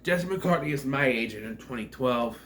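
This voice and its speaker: Congested and nasal with a cold, a thirtysomething man chats his way through a jokey movie review, full of tangents and corrections of himself. His mid-range voice is expressive and a bit bright, at a normal speed. The room echoes, the mic sits far off, and there's background noise.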